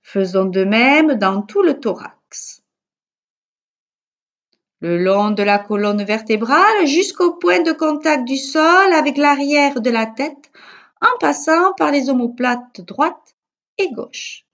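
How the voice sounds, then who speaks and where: Calm and measured, a yoga teacher with a fairly high-pitched voice takes listeners through yoga nidra very slowly. She lets soothing pauses fall between her instructions, and the sound quality is a bit dull and lo-fi.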